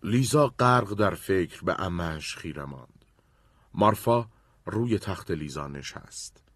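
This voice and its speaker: A man narrating a radio drama in a measured, even storytelling voice. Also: deep voice, dry recording. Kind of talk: scripted narration.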